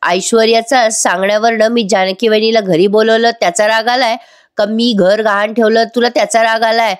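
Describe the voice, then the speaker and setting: A woman's voice: a little high, fairly even intonation, normal speed, pitched above the performer's own voice, close to an everyday voice. A woman voicing a rude, arrogant young man. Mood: shouting. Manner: shouting, insolent.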